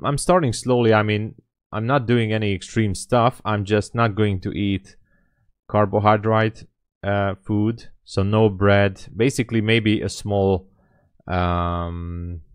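A man in his late thirties hosting a casual live stream, thinking aloud and answering chat as he goes. His voice sits low, and he talks at an unhurried pace. The sound is dry and close, from a small room. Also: smooth, no echo. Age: 30s. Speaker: day trading livestreamer.

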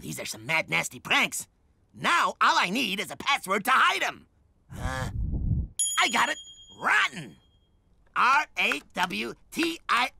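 A man's voice: high-pitched, huge pitch swings, unhurried, vocal fry, pauses often, bright, forceful tone, slightly rough, full character voice. A man voicing a crude, dim, scheming big brother in a cartoon, coarse in manner. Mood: sneaky, dim.

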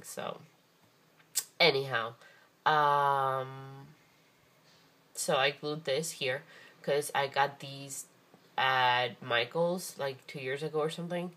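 A woman with a hoarse morning voice, chatting casually as she shows off a craft project, rambling with lots of ums and restarts. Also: extremely low pitch, fairly bright tone. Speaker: craft vlogger. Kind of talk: casual craft show-and-tell.

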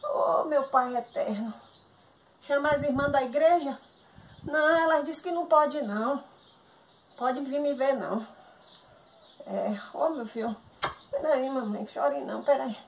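A woman's voice: sits high, unhurried, creaky, pauses often. A woman doing a one-sided comic phone sketch, talking in a chatty, pleading and exasperated way. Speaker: content creator acting a comic sketch. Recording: echoey room with loud background noise.

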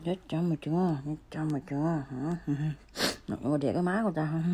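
A woman's voice: low voice, fast, dark tone, husky. A woman in a home vlog talking to her baby son in teasing, playful baby talk, repeating her words. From Vietnam.

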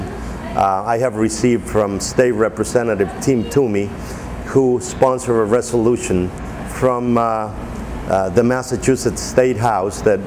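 Filmed on city streets and in a restaurant, this Salvadoran man in his 40s speaks in a campaign video as a political candidate. He wears a lapel mic, and his lowish voice comes across earnest and measured, dotted with frequent "uh" pauses, over background noise.

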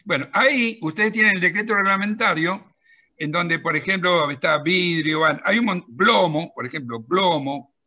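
A middle-aged man with a Rioplatense Spanish accent, animatedly demonstrating software on a video call while telling an anecdote and directing a helper at the screen. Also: high-pitched, moderate pace, dull audio. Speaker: presenter of a pension-law software and magazine.

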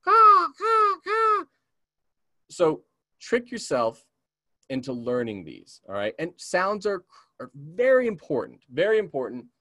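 With a slightly high, sing-song, unhurried voice, a Western American man teaches a beginner bird ID class over webinar. As a community naturalist, he frequently says "okay?" and imitates birdsong. It's a dry, studio-quality recording.

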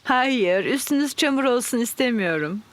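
A woman voicing a caring, sensible mother pig in a children's cartoon, motherly and gently firm. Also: a little high, animated, moderate pace, a little hiss or hum, close to an everyday voice. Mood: worried. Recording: music behind the voice.

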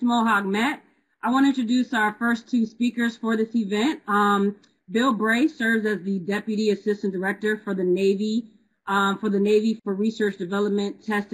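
A woman's voice: mid-range voice, breathy edge, low-quality recording. A woman moderating an online event, reading out speaker introductions with frequent hesitations. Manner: reads bios with frequent hesitations.

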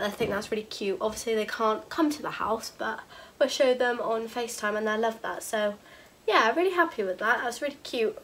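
Talking to camera indoors in her bedroom, this haul vlogger, a British woman in her twenties, gushes and keeps saying "really, really cute" in a casual chat. She has a slightly high, somewhat bright voice and seems a bit congested from a cold.

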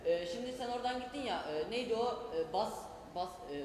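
A man's voice: extremely high pitch, fast. A young man playing a hesitant street vendor who fumbles for words and fills the gaps with stalling sounds. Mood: fumbling. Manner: hesitant, full of fillers, searching for words. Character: fumbling Turkish vendor who sells cheese and gözleme. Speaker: student actor in a school stage sketch. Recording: distant, echoey hall with noise.

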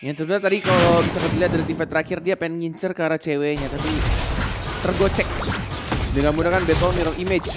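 A man commentating live on an esports match like a fighting game announcer, excitable and rising to shouts in the fights. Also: on the high side, quick pace. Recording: music under the commentary. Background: music.

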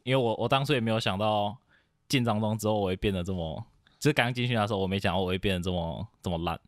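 Low-voiced young man, hesitant chat. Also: quick pace, no echo, studio quality. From Taiwan. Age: young adult. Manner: hesitant, rambling with many fillers and restarts. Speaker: podcast guest. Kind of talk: casual chat.

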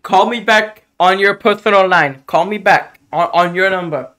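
A young man on a prank call with a scammer, talking in a calm, deadpan way and spelling words out patiently. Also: high-pitched, normal speed. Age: young adult. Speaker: scam baiter.

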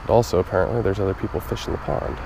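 Out at a pond, a young man fishes and talks to his viewers in chatty outdoor commentary, captured on a body-worn action camera with surrounding outdoor noise. He speaks rapid-fire in a fairly low, creaky voice with fairly even intonation.

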